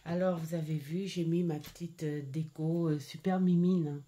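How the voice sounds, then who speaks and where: A middle-aged woman chatting casually at home as she reviews an oracle card deck, pausing often with fillers and restarts. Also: low voice, steady tone, warm tone. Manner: hesitant, full of "euh" fillers and restarts. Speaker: tarot and oracle card vlogger. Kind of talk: casual unboxing and review chat.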